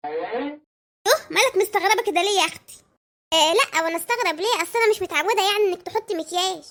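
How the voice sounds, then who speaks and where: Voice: extremely high pitch, very animated, racing, fairly bright tone, full character voice. مؤدٍّ يقلد امرأة مصرية ماكرة حسودة. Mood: sly. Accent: Egyptian. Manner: sly and envious. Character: jealous, scheming Egyptian makeup lady.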